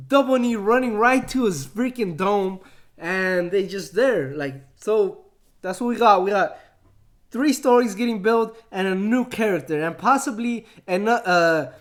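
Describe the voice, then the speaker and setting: High-voiced man gushing over a show. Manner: excited, chatty, retells scenes, laughs often. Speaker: wrestling show reviewer. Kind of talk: casual spoken review.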